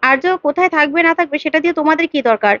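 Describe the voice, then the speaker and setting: A woman's voice: high-pitched, very fast, a bit bright, no echo, lo-fi sound. A woman voicing a scheming man in a retold serial, speaking curtly and with smug suspicion. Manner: suspicious, curt then smug. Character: scheming adult male family friend.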